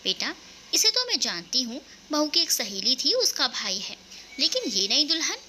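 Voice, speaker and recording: A fond older matriarch who fusses over her guests and gives her daughter-in-law gentle orders, as a woman reads her lines. The voice is bright and clear, sitting a little high. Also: very animated, normal speed, slight background noise, heavily acted. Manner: affectionate, gently commanding. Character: kindly older mother-in-law, warm matriarch.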